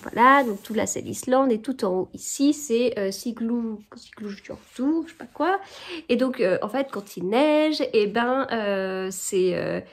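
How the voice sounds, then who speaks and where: A woman's voice: a little high, animated, a little slow. A woman vlogging casually about a book, hesitating often with fillers and restarts as she reads passages aloud. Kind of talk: casual chat.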